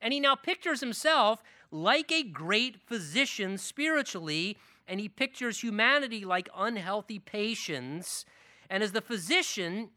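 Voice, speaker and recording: Lively, bright-voiced male preacher. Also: high voice, no echo, clean studio sound. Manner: emphatic, animated preaching with listed phrases. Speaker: pastor. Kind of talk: sermon.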